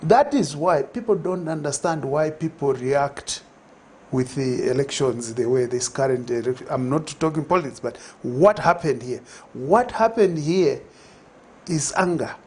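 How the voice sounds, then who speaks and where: Husky and darkish yet fairly high-pitched, an older man's animated voice with a Zambian accent unfolds unhurriedly in a conversational TV studio interview. He speaks reflectively into a lapel mic, using many fillers and restarts.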